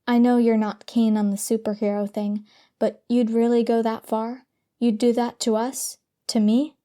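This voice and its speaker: A woman's voice: on the high side, little pitch movement, normal speed, mellow, lightly acted. Woman doing a brash teen superhero girl. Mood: defensive.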